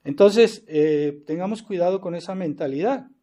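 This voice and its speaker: With a high-pitched, mellow voice at a moderate pace, a priest from Mexico preaches earnestly and insistently. He often adds the rhetorical tag "¿verdad?" and restarts his sentences.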